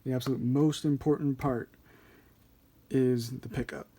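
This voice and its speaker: Mellow-voiced man giving a casual tutorial. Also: medium pitch, fairly even intonation, measured pace, a little hiss or hum. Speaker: card trick instructor.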